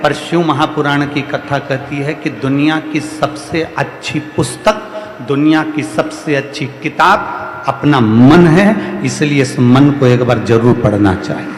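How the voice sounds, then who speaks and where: This devotional sermon comes from an Indian kathavachak addressing a live audience, his medium-pitched voice moving at a measured pace. He drives each point with emphatic repeated refrains, while the reverberant hall carries faint music and slight background noise.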